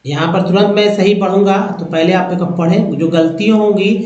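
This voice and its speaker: A man teaching English reading in a lesson, sounding out words slowly one by one and repeating them while coaxing his viewers along. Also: sits high, fairly even intonation, a little mellow. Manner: reads English slowly word by word, spelling out sounds. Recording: echoey lo-fi room recording.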